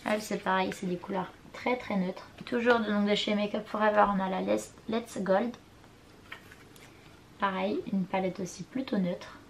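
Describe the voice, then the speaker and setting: A woman's voice: mid-range voice, fairly even intonation, normal speed, creaky. Young woman vlogger, casual and chatty, stumbles over names, faint hiss. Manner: chatty, hesitant over product names, apologetic about pronunciation. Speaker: beauty vlogger. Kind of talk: casual makeup collection show-and-tell. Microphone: compact camera mic.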